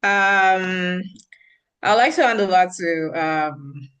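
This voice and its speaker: Give me a Nigerian-accented woman, a bit low in pitch, chattily hosting an online group session. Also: expressive, slow pace, a bit bright, smooth. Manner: effusive, chatty, repeats phrases. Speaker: head of programs hosting an online roundtable. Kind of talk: informal online event hosting. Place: online video or conference call.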